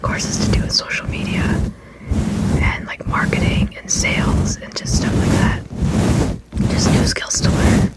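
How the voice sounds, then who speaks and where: A person whispering quickly in an informal ASMR ramble close to the microphone, often repeating and rephrasing phrases. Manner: fast, unvoiced whispering. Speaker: video creator and host.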